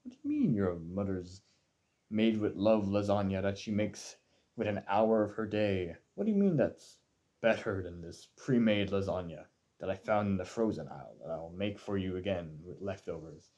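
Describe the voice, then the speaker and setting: A man's voice: deep voice, expressive, normal speed, dark tone. Man mimicking a pushy, incredulous father. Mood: insistent. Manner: insistent, incredulous. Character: pushy middle-aged father proud of his cooking.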